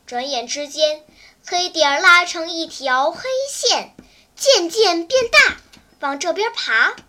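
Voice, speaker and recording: A storyteller reading a children's story aloud, with expressive, animated delivery. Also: extremely high pitch, slow. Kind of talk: scripted children's story narration.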